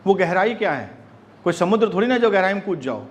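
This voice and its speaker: A man teaching an acting class in a lively lecture style, acting out bits of dialogue with laughs along the way. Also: high voice, fast talker, lo-fi sound. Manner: animated, acts out quoted dialogue with laughs. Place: classroom with students.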